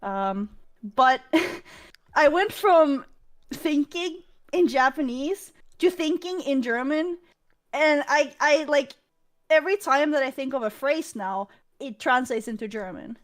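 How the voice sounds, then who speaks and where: A young woman from Norway speaks in a high, light voice with a subtle Norwegian accent. She is giggly and hesitant, restarting her sentences often in a casual video-call chat. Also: animated, slow pace. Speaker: guest streamer.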